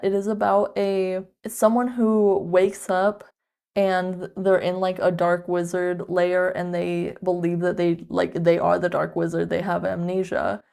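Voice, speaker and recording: A book vlogger in her twenties chats casually to her viewers in a loose, conversational way full of asides. Her fairly low voice is gravelly yet smooth and a little mellow.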